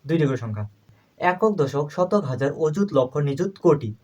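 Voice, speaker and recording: Man, teacher, slightly high-pitched, patient drill style, poses and answers his own questions. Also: animated, darkish tone, dull audio. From Bangladesh. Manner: asks and answers his own questions, repeats numbers slowly. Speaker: math teacher. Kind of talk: step-by-step math lesson.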